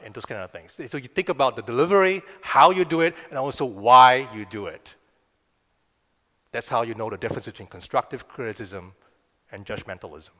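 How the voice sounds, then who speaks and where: A man's voice: mid-range voice, sharp tone. Man preaching in a reverberant hall. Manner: conversational, asks the crowd "right?" often. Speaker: pastor. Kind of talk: sermon. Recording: long reverb of a big room.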